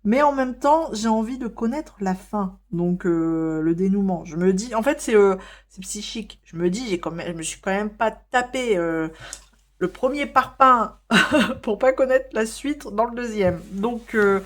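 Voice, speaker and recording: A woman's voice: mid-range voice, measured pace. A woman chatting casually in a vlog while coloring, with lots of fillers and hesitations, laughing now and then. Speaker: vlogger.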